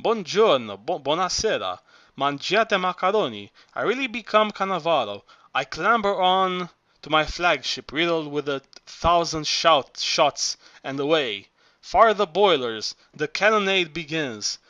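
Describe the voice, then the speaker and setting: Guy reading as zorba, earthy old greek worker, big lusty talk, bright edge, kinda high. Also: lively intonation, unhurried, dry recording, dull audio. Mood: rollicking. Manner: lusty, expansive storytelling. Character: earthy old Greek male workman, exuberant.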